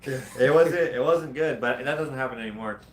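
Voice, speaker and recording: Man, average pitch, casual podcast chat, bantering, slang, roomy echo. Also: moderate pace, a little hiss or hum. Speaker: podcast co-host. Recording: echoey room.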